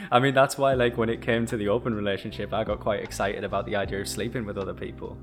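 A man's voice: lowish voice, fairly even intonation, fast talker, vocal fry, faint music behind. A young man co-hosting a casual chat, talking in a reflective, rambling way. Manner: reflective, rambling, laughs easily. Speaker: podcast co-host.

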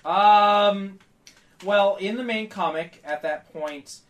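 Podcast co-host, man, slightly high voice, teasing casual chat. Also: slow, distant mic. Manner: teasing, laughs while talking.

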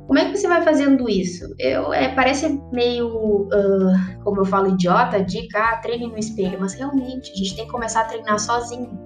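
A woman's voice: fairly high pitch, normal speed, reverberant, faint music behind. A woman coaching public speaking in a casual, conversational way, often checking in with her listeners. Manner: conversational, often tags "né?" and addresses viewers directly. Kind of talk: casual instructional talk.

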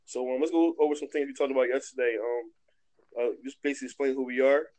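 A man's voice: medium pitch, steady tone, fast talker, darkish tone, low-quality recording. A man hosting a casual anime podcast, talking in a loose, rambling, slangy way. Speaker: podcast host. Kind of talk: casual chat.

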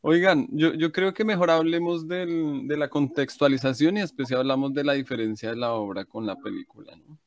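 A man's voice: fairly high pitch, a little fast, few pauses, no room sound. A young man in a casual group chat, steering the discussion.

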